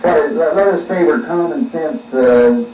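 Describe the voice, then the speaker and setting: A man, a musician, answering interview questions with many pauses and fillers, heard on old worn tape. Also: a little high. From Canada. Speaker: musician guest. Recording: echoey, distant, dull old tape with faint hiss.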